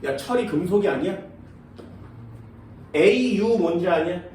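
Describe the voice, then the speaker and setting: Speaking a bit slowly in a high, expressive, rather dark voice, a man teaches a science class and often asks if the students are keeping up. He alternates between polite speech and casual banmal. The classroom recording is echoey and far away, with a faint hiss of noise.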